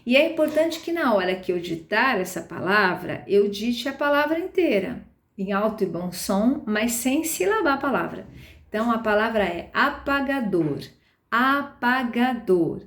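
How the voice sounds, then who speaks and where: A woman's voice: fairly high pitch, very animated, a little slow, a bit bright, reverberant. A woman teaching a class on early literacy, explaining step by step with patient, frequent check-ins to her listeners. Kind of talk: explanatory lecture.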